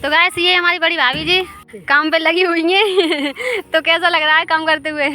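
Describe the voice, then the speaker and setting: A woman's voice: very high voice, fairly even intonation, measured pace, pushed and bright, soft background music. A woman chatting casually and laughing often as she films a vlog outdoors in the fields. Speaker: vlogger.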